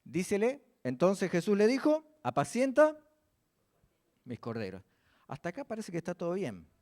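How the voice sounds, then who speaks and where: A man's voice: high voice, huge pitch swings, fairly quick, warm tone. A man preaching a church sermon, often asking the congregation questions and answering them himself.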